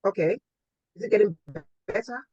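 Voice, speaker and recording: A moderator speaks over a video call that keeps glitching, the voice breaking up and dropping out mid-word. The audio is dull, lo-fi and dry with no room around it. They talk haltingly, repeating words while checking whether the connection has come back. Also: mid-range voice, huge pitch swings, a little mellow, husky, no room sound. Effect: voice breaking up and cutting out on a glitchy call connection. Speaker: panel moderator. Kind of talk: online panel discussion.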